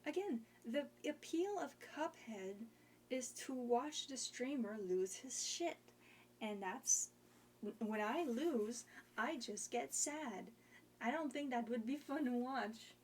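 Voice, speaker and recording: A woman's voice: on the high side, animated, slow, a little hiss or hum. A young woman streamer in casual chat, rambling and hesitant with lots of fillers.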